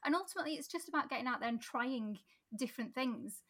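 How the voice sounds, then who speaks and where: A woman's voice: high-pitched, lively intonation, fast talker, a bit bright. A woman with a Yorkshire accent, a political candidate, talking conversationally in an interview and laughing often. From Sheffield, England. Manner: chatty, laughs often, frequent restarts.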